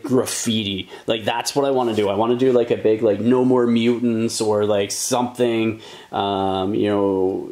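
A man's voice: lowish voice, darkish tone, a little hiss or hum. A man, a hobby channel host, unboxing and chatting casually with rambling enthusiasm and plenty of filler words. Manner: rambling, enthusiastic, many ums and likes.

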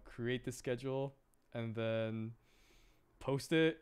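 A young man livestreams a game while chatting in a playful, rambling way, laughing often. His voice sits in the mid range, with a clear, resonant tone.

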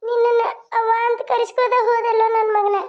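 A woman's voice: very high voice, flat delivery, fast talker. A woman voicing a grieving young mother with a North Karnataka Kannada accent, mourning her newborn in a pleading lament. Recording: dull lo-fi sound.

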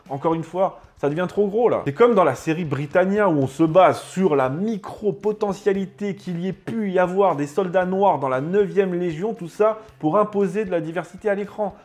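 A man's voice: a little high, darkish tone. A man hosting a video review, giving scripted commentary in a sarcastic, scornful and emphatic way. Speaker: show host reviewing a series.

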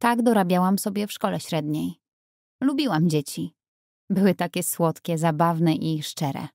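A woman narrates a first-person audiobook in a measured, even way. Her voice sits a little low. It is recorded close on a studio mic with a dry, dead sound. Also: vocal fry, dry recording.

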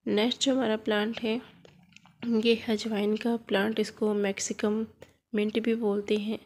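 A woman's voice: fairly high pitch, flat delivery, a little slow, darkish tone. A woman vlogger chatting to her viewers as she plants cuttings in her home garden, filming on a phone she holds in one hand. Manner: chatty, addresses viewers as friends. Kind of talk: casual gardening walkthrough. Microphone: phone held in hand.

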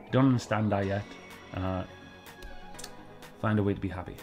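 This middle-aged Welshman has a lowish voice and a moderate pace, heard in a lo-fi recording with music behind him. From his living room sofa, he hosts a casual review chat, rambling, repeating himself and using plenty of fillers.

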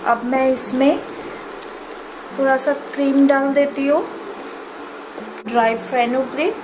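A home cook with an Indian accent hosts her channel, walking through a cooking tutorial step by step in simple, instructional Hindi that switches into English. Her voice is high-pitched and steady, her pace slow, and the background is noisy.

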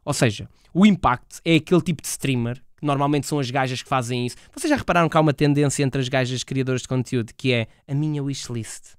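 A young man from Portugal with a European Portuguese accent, streaming and reacting to clips in loud, excitable, swearing casual chat. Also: mid-range voice, fast, smooth, no echo, studio quality.

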